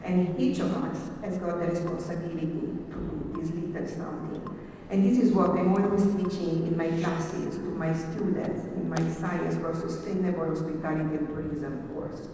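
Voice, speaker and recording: A woman, a professor giving a formal, measured conference keynote. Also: low voice, dark tone. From Italy. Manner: formal, measured, reading from slides. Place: large conference hall. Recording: echoey hall from far off, faint hiss.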